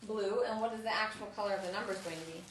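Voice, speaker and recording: A woman's voice: mid-range voice, racing, a little hiss or hum. A woman in her thirties, a kindergarten teacher, leading an online lesson at home, counting and singing in a patient, coaxing way. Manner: patient, coaxing teacher talk, sings with guitar. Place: home room. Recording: echoey room. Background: guitar.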